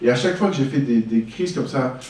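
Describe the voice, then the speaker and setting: A man's voice: medium pitch, animated, a little fast, a little mellow. A man giving a candid, reflective talk about his own life, telling it as a personal testimony. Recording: echoey room, voice from far off.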